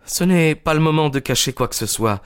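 A man's voice: a little high, animated, fairly quick, a bit bright, clean tone, voice pushed up. A man voicing an agitated young woman in a storybook reading, pleading urgently in a raised voice. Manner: pleading, breathless insistence.

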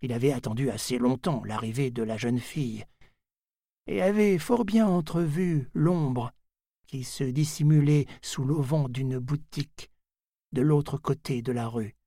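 A man narrating a novel in a measured, deliberate reading style. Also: mid-range voice, warm tone, no echo, clean studio sound. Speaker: audiobook narrator.

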